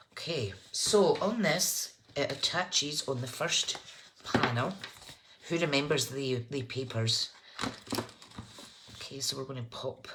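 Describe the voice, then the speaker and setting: A woman's voice: low voice, fairly bright tone. A woman with a broad Scottish accent hosting a casual live craft tutorial, chatting informally and thinking aloud as she works. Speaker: crafting livestream host. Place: indoors at a craft table. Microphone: phone above the desk. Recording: clear background noise, clicks of handling.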